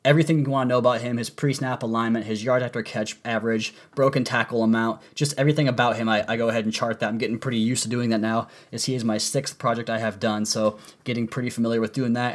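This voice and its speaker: A man's voice: mid-range voice, fairly even intonation, fast talker, hardly any pauses. A man hosting a sports podcast with enthusiastic, wordy commentary, his voice strained and congested from a sore throat, like swollen tonsils. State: sore throat from a cold, voice partly lost.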